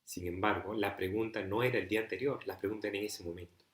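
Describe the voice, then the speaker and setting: A man's voice: lowish voice, steady tone, quick pace, reverberant. A man preaching a sermon, emphatic and pleading, full of rhetorical questions to the listener.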